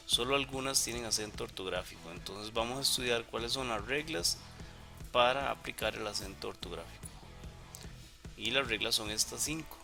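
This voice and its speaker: Male teacher, gravelly voice, patient step-by-step explaining, hesitant fillers, music playing behind. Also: medium pitch. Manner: patient explaining, frequent "eh" and tag questions. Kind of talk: recorded lesson talking through exercises.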